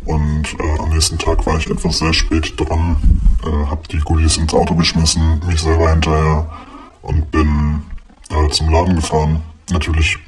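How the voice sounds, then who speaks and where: An anonymous man telling a story in a disguised, pitched-down deep voice, hesitant with many fillers. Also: completely flat delivery, normal speed, very noisy. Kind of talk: casual spoken anecdote.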